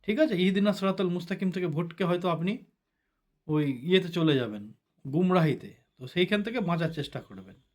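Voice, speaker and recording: Man, high voice, religious talk, explains step by step, asks listeners to confirm. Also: expressive, a little fast. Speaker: religious speaker. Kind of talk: sermon-style religious talk.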